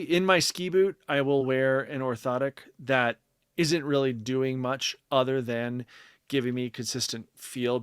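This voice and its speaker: A man's voice: medium pitch, fairly bright tone, dry recording, clean studio sound. Rambling man explaining in casual chat. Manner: rambling, explanatory, many fillers and restarts. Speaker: podcast co-host.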